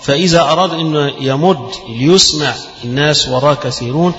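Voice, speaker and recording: A man with an Egyptian accent giving a religious lesson, explaining texts in plain speech and reciting quoted rulings slowly. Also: on the high side, fairly bright tone. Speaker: Islamic scholar teaching fiqh. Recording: roomy, long reverb, dull lo-fi sound.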